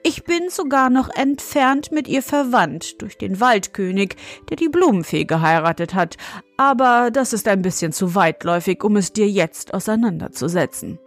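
A woman's voice: mid-range voice, animated, normal speed, soft background music. A woman voicing a small, stern grey old forest gnome in a storybook reading, with a thin, fine voice and a scolding, proud manner. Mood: wistful.

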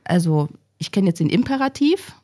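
A woman's voice: mid-range voice, sing-song, moderate pace, mellow. A woman hosting a podcast who plays a curious student and thinks aloud while guessing answers. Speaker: podcast host. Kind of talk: podcast interview.

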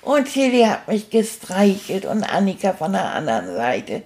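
A woman's voice: medium pitch, huge pitch swings, moderate pace, a little mellow. A woman voicing a cheerful, cheeky male stuffed toy rat, retelling events in a chatty, rambling, fond way. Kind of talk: first-person storytelling.

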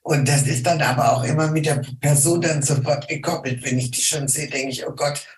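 Middle-aged woman voice coach as a guest, deep-toned, unhurried and measured, pausing often, in a roomy room. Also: steady tone. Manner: slow, deliberate, with many hesitations. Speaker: voice and singing teacher, guest. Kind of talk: casual interview talk.

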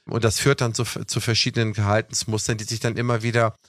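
A man's voice: on the low side, level tone, quick pace, fairly bright tone, dry recording, clean studio sound. A young man hosting a casual talk show, explaining at length with lots of "ne?" fillers. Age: young adult. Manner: chatty, explanatory, with fillers like "ne?" and "was weiß ich". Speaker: podcast host.

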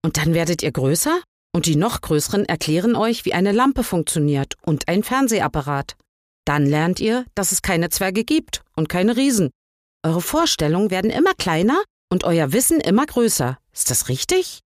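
An older woman voicing a tiny fat old king who shrinks with age, speaking slowly and thoughtfully in a lowered voice. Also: big pitch swings, dry recording, studio quality. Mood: musing.

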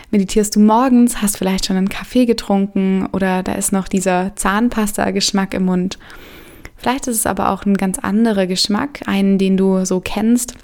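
Female meditation guide, mid-range voice, soft and soothing delivery with gentle pauses. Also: mid-range voice.

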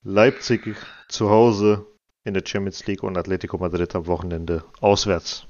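A man who calmly steers a casual football podcast chat. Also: deep voice, moderate pace, dry recording. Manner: calm, steering the conversation. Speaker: podcast co-host. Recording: dull lo-fi sound.

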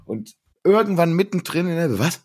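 Animated husky-voiced man. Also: mid-range voice, fairly quick. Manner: animated, exasperated storytelling with mimicked catchphrases. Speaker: podcast co-host. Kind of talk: casual chat.

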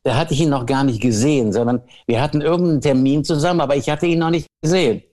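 A man's voice: a little high, fast talker, warm tone. An older man, a guest on a podcast, telling long rambling stories with restarts and self-deprecating asides. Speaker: award-winning guest. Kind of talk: casual anecdotal chat.

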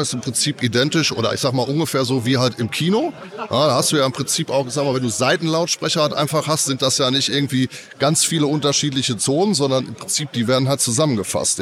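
Here's a cold-stricken man from an audio company, chatting casually at a trade fair and explaining the tech with lots of filler words. He speaks quickly, with a medium-pitched, slightly bright voice.

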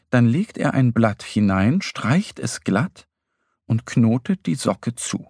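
A man narrating a children's story in a gentle, expressive storytelling manner. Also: medium pitch, no echo, clean studio sound.

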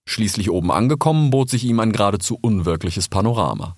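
Male audiobook narrator, animated storyteller, dry close sound. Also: on the low side, fast talker, no echo. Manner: expressive, lively storytelling.

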